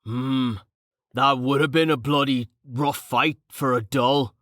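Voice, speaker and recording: A man voicing a brash, burly male warrior who jokes crudely and swears with rough slang, in an audiobook. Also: medium pitch, fairly even intonation, takes it slowly, fairly bright tone, no room sound, studio quality. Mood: boisterous.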